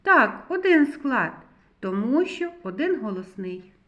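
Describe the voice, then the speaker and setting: A woman teaching young children to read, sounding out syllables and words slowly and carefully. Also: on the high side, sing-song, fairly bright tone. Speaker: kindergarten teacher. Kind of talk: slow literacy lesson for young children. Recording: echoey room, dull lo-fi sound.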